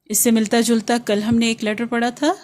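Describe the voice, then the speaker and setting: A woman teaching an online lesson on reading Quranic letters, who explains patiently and sounds out each letter slowly, over and over. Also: fairly high pitch, level tone, a little mellow. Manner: patient, demonstrates sounds slowly and repeats them.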